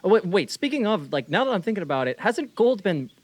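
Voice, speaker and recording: A man's voice: high-pitched, big pitch swings, fast, dry recording. A man playing a gullible, upbeat young man who is easily impressed. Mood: chatty.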